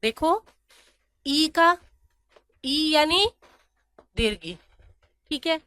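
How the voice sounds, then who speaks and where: A woman teaching a grammar lesson, slowly repeating syllables and asking questions that she answers herself. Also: high-pitched, expressive, pushed and bright, no echo, clean studio sound. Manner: drills syllables slowly, asks and answers her own questions. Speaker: Sanskrit teacher.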